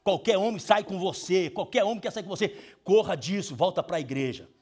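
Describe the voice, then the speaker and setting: High, animated Brazilian pastor preaching. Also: male voice, fairly quick. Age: middle-aged. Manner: swings from hushed pleading to loud scolding; emphatic, preacherly. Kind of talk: sermon.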